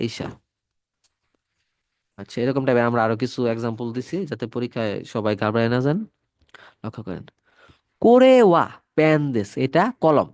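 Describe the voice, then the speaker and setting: A man's voice: medium pitch, darkish tone, no room sound. A man from Bangladesh with a cold, teaching a grammar lesson and patiently repeating each example step by step. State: has a cold. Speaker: Japanese language teacher. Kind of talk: grammar lesson explaining slides.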